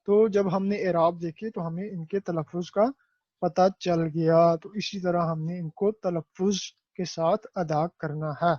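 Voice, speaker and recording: A male teacher with a Pakistani Urdu accent, explaining a textbook exercise and repeating words slowly so students learn how to say them. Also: high voice, steady tone, darkish tone, dry recording, lo-fi sound. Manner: asks and answers his own questions.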